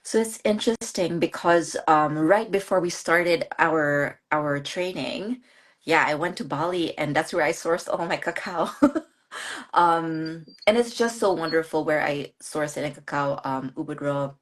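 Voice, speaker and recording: Low-voiced, earnest woman from the Philippines. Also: unhurried. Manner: earnest, hesitant, laughs often. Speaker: guest, course graduate. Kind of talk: live online interview.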